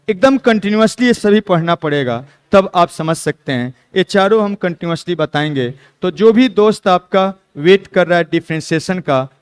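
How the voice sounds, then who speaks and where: A man's voice: on the high side, smooth. Emphatic man teaching a maths class. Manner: repetitive, emphatic instructions to students. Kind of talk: classroom lecture.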